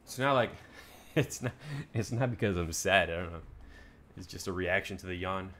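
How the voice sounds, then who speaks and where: A man's voice: sits low, moderate pace, sharp tone. A man live streaming a shooter game, chatting casually and swearing with his viewers. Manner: laid-back, profane, chatting to viewers. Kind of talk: casual gameplay commentary.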